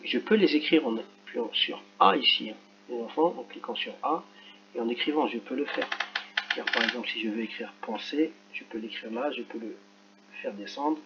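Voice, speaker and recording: Male teacher, patient step-by-step lesson, slightly dull recording, faint hum behind. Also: mid-range voice. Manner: slow, careful, spells out sounds. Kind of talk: screen-recorded lesson correction.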